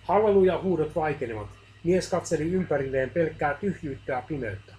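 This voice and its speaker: Brief: male narrator, devotional book reading, earnest measured pace, slightly raised pitch. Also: darkish tone, slight background noise, rough recording. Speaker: reader.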